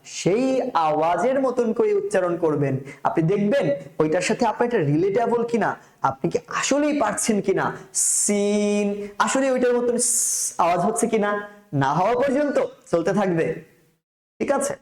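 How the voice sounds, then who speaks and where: A man's voice: sits high, expressive, normal speed, roomy sound. A young man with a Bangladeshi Bengali accent teaching Quran letter pronunciation in an online lesson, patiently repeating sounds and checking in with his students. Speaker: Quran recitation instructor.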